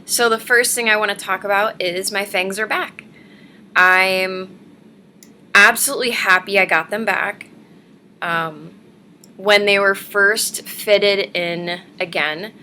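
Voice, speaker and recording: Bright-voiced woman vlogging over noticeable hiss. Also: medium pitch. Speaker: vlogger hosting a personal denture diary. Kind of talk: casual update to camera. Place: living room at home, indoors. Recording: noisy webcam room recording.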